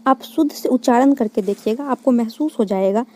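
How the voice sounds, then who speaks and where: A woman's voice: a little high, brisk, mellow. A woman teaching Hindi grammar in an online exam-prep lecture, explaining step by step and answering her own questions.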